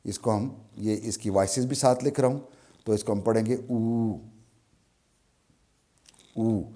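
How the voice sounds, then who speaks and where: A man with a Pakistani Urdu accent teaches a beginner class in an unhurried way, repeating each vowel again and again. His voice sits low and mellow, and he speaks very slowly. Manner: slow, patient, repeats sounds many times. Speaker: language teacher. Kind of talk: beginner lesson at a board.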